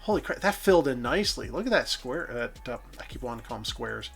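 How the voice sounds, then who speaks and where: A man's voice: mid-range voice, lively intonation, quick pace, creaky, a bit bright, faint music behind. A man casually narrating his own gameplay, thinking aloud and correcting himself as he goes. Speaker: gameplay commentator. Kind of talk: casual let's-play narration.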